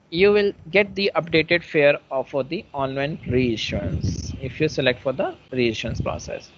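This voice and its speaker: A man presenting software features in an online webinar. He explains each step in turn and often restates his phrases. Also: fairly high pitch. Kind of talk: online product webinar walkthrough. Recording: muffled webinar audio with faint noise.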